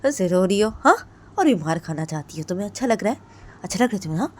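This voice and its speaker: A woman voicing a domineering, quick-tempered young woman who scolds with repeated sharp questions. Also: medium pitch, lively intonation, slight background noise, voice pushed up, lightly acted. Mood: furious.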